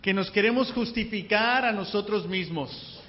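A man preaching a church sermon in a conversational way, often asking the listeners whether they follow and drawing out key words. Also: high voice. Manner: conversational, keeps asking the listeners "you know?"; slow and deliberate, stretching key words. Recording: long hall reverb, dull lo-fi sound, faint background noise.

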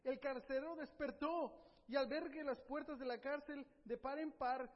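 A high-voiced man preaching a sermon, animated and full of rhetorical questions to his listeners. The sound is dull and somewhat lo-fi, with a long reverb from a large hall. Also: normal speed. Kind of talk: sermon retelling a Bible passage.

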